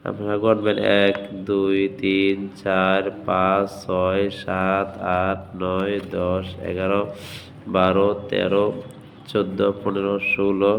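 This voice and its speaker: A man teaching Quran reading, spelling out letters syllable by syllable and chanting words in long drawn-out tones. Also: on the low side, big-room sound. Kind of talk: slow spelling-out lesson with chanted recitation.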